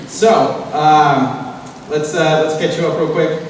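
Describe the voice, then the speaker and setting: Slow-paced and on the high side, with fairly even intonation, a panel host gives a casual, loose presentation packed with fillers. The large convention hall echoes, the mic is distant, and there's slight background noise.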